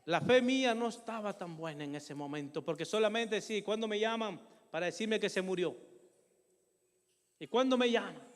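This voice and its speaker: An older pastor preaches with a high voice, his words ringing through a reverberant church hall. He tells a personal story earnestly and with feeling, turning again and again to his congregation as brothers. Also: expressive, moderate pace. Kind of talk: sermon with personal testimony.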